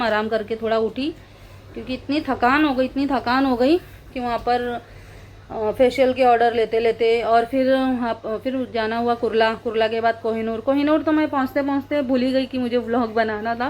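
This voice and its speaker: A woman from talking casually through her day as a vlogger, chatty and lively around children. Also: fairly high pitch. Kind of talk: casual vlog narration. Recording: phone recording with street noise.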